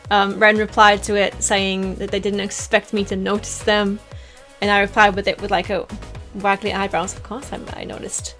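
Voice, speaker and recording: A young woman from northeast England talks with a softened Teesside accent at a middling pitch. She chats loosely through fan questions, full of "like" and quick laughs. Soft music sits faintly behind her. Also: flat delivery. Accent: softened Teesside English. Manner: chatty and rambling, heavy use of "like", frequent little laughs. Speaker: cosplayer answering fan questions. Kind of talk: casual Q&A vlog.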